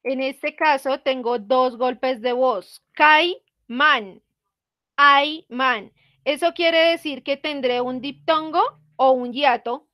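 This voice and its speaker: A woman's voice: high-pitched, slow pace, no echo, clean studio sound. A woman teacher explaining a lesson patiently to students, often asking them questions. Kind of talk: online class explanation.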